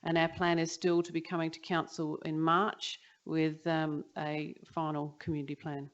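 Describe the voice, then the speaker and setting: A woman council officer answering a question at a meeting, explaining the plan clearly. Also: low-pitched, little pitch movement, normal speed. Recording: dull muffled council chamber audio.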